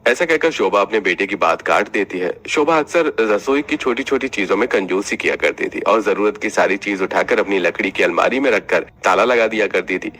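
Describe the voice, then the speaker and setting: Low-voiced male story narrator. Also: expressive, brisk, few pauses, fairly bright tone.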